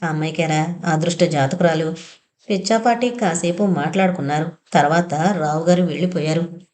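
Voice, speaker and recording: A woman narrating an audio novel in a steady, measured reading style. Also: fairly low pitch. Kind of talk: scripted narration.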